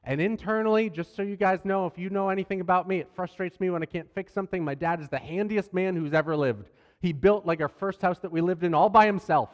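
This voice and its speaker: A man in his thirties, a pastor, telling a family story from the pulpit with lively, self-deprecating humor. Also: high-pitched, fast talker, few pauses. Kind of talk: sermon storytelling. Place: church sanctuary. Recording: long church hall reverb.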